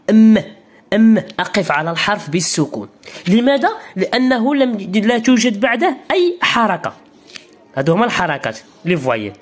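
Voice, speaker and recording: A woman's voice: on the high side, breathy edge. A woman with a Moroccan Arabic accent giving a beginner reading lesson, patient and repetitive, often stopping to check that the learner follows. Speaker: teacher.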